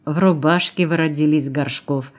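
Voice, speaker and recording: Audiobook doctor: gentle, reserved woman, read by a woman. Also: low-pitched, fairly even intonation, normal speed, lightly acted.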